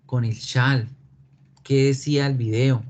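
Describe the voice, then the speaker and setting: A man whose first language is Spanish teaches an online English class, speaking slowly at a middle pitch. He explains step by step and keeps checking that students understand. Keyboard clicks and typing sound behind him. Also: fairly even intonation, a little mellow, lo-fi sound. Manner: slow, patient explaining with frequent check questions.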